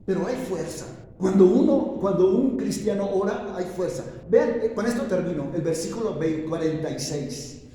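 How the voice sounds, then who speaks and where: A man preaching a sermon in a dramatic way, rising to loud emphatic lines and dropping low again. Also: lively intonation, normal speed. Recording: echoey church hall with long reverb.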